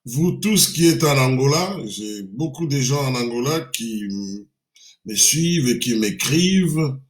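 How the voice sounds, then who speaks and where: A man hosting a live Q&A, slowly reading out viewers' names and greeting and blessing them. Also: medium pitch, lively intonation. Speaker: livestream host greeting viewers.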